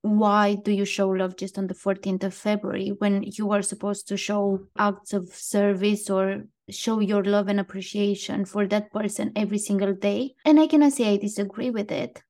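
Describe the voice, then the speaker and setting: A woman's voice: medium pitch, level tone, moderate pace, few pauses, a little mellow. A woman co-hosting a casual podcast, talking in an easy chat and reading quotes aloud. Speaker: podcast co-host.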